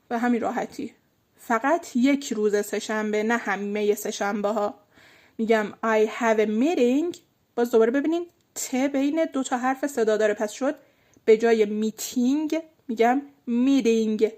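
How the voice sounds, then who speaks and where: Woman teaching English words, slowing for each example. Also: on the high side, darkish tone. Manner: explains in quick bursts, then slows right down to say each English example clearly. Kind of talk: online vocabulary lesson.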